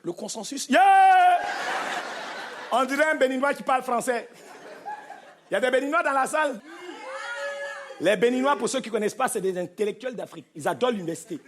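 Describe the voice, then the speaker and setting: A male stand-up comedian performing an animated, playful set, bantering with the crowd and slipping into mock accents. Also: extremely high pitch, fast, long pauses. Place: large theater stage before a live audience. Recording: live concert recording with crowd noise. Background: audience laughter and noise.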